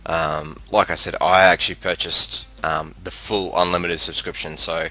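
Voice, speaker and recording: This Australian video game presenter rambles haltingly and casually over screen-capture footage, his very low, forceful, bright voice delivered flatly. The slightly crackly audio comes from a cheap, ordinary headset mic, with a fan running in the room.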